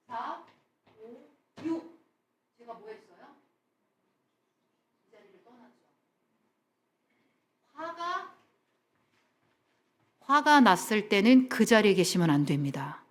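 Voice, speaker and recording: A middle-aged woman counselor giving a lively seminar talk in a church. She has the audience repeat phrases after her and drops to a soft whisper for emphasis. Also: on the high side, slow, long pauses. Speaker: family counselor, guest speaker.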